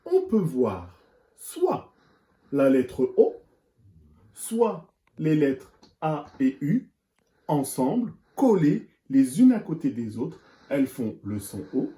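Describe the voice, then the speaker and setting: A teacher records a reading lesson for young children, pacing each word very slowly and repeating it for the class. The voice is husky and a little breathy, and the pitch rises and falls in a lively, sing-song way. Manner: slow, deliberate, repeats and stretches words. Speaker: primary school teacher.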